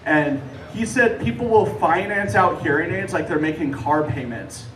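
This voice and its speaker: A man performs stand-up in a casual, storytelling way, dropping in hesitant asides. His voice sits a little high for a man. He is picked up from some distance in a live room, with clear noise and audience laughter behind him. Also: moderate pace, fairly bright tone, roomy sound. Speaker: stand-up comedian. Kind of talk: stand-up comedy set to an audience.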